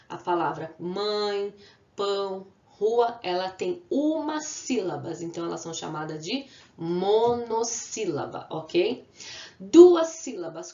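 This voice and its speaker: A woman's voice: mid-range voice, a little mellow. A woman teacher, giving a video lesson to children, patiently drawing out example words and answering her own questions. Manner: asks the class questions and answers them. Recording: echoey room, slightly dull sound.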